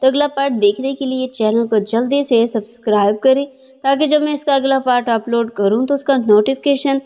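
High, soft-toned woman storyteller. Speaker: story narrator. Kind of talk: scripted story narration. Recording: dull lo-fi with long reverb.

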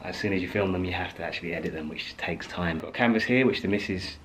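A man's voice: low voice, quick pace, a bit bright. A man giving a casual, chatty tour of his house, moving from room to room and joking as he goes. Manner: chatty, laid-back, jokey asides.

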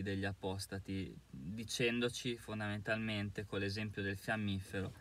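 A man's voice: fairly low pitch, sharp tone. A man giving an indignant, emphatic monologue to camera as a commentator, with hesitant fillers between his points. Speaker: YouTube commentator.

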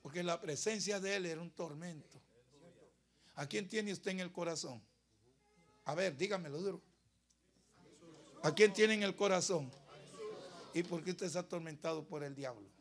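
Brief: Costa Rican male pastor, high voice, emphatic dramatic preaching. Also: normal speed, long pauses. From Costa Rica. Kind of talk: sermon.

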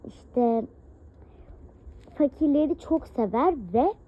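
High-voiced woman explaining slowly. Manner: hesitant, with many fillers. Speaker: game role-play creator. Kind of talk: casual explanation to viewers. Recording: dull lo-fi recording.

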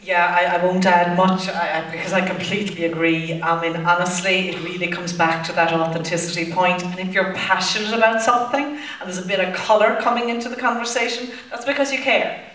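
A woman's voice: on the low side, fairly even intonation, fairly quick, a bit bright, recorded from a distance. A woman on a conference panel adding a short, earnest, agreeable answer. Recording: roomy hall, voice from the mic.

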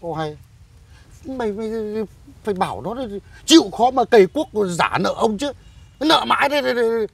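A bullying, gravelly old miser. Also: male voice, high voice, expressive, normal speed, no room sound, full character voice. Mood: scolding. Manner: bossy, barking orders, mocking. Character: stingy bullying old village moneylender man. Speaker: greedy village moneylender. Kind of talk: Vietnamese comedy film acting.

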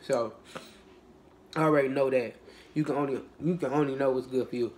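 Laid-back young man rambling with a cold. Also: fairly quick. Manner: rambling, relaxed, many fillers and restarts; low-energy, laid-back. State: has a cold. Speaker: YouTuber. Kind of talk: casual mukbang vlog talk.

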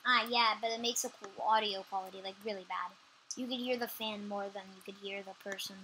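A woman chatting casually while playing a computer game at home, quick to agree and often trailing off mid-sentence. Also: mid-range voice, steady tone, bright, forceful tone, a little hiss or hum, rough recording. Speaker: gameplay channel co-host. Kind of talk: casual gameplay chat.

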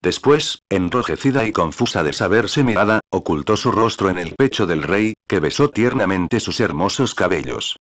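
Deep-voiced male audiobook narrator. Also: expressive, normal speed, few pauses.

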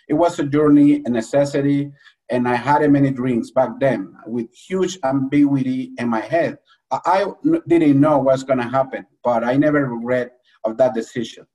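A man's voice: mid-range voice, darkish tone. An earnest man from Honduras, in his forties, speaks English with a Spanish accent, often restarting his sentences. He is on a video call from a small room at home. His voice sounds somewhat distant from the webcam mic. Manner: earnest, halting with restarts and fillers. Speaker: adult educator and speaker. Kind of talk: prepared personal talk at an online briefing.

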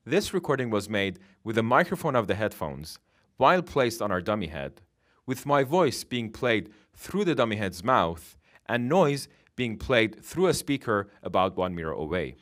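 A man's voice: on the low side, big pitch swings, moderate pace, a bit bright. A man reading a scripted microphone test, his voice played from a dummy head's mouth speaker and picked up by a headset microphone. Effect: voice played from a dummy head's mouth speaker, recorded through a headset mic. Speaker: headphone reviewer.

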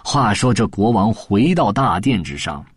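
Male audiobook narrator; colloquial storyteller, low-pitched, animated delivery. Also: unhurried, husky, no room sound, studio quality.

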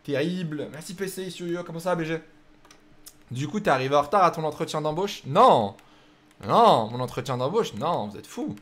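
A man's voice: on the high side, lively intonation, moderate pace. Chatty French streamer man. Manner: joking, chatty, thinks aloud while setting up races. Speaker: streamer hosting a racing game night. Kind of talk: casual live-stream chat reading the chat.

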